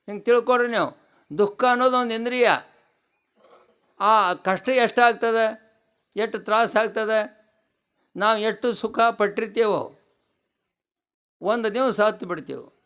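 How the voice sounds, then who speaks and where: A swami from North Karnataka, India, preaches a devotional pravachana in a North Karnataka Kannada accent, asking the audience rhetorical questions and repeating key phrases. His high-sitting voice is smooth and fairly bright, a little slow, with long pauses.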